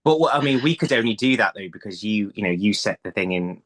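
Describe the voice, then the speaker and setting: This middle-aged man, an audio drama writer, chats casually as an interview guest over a video call from a small room at home, picked up by his phone. His voice sits on the low side and comes across animated, fast and a bit bright. He often rephrases himself mid-thought.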